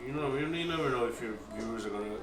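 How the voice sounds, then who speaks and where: A man chatting casually off camera, teasing with quick comebacks. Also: mid-range voice, a bit bright, far from the mic. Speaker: off-camera companion. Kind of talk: casual chat. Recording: roomy, off-mic, faint music.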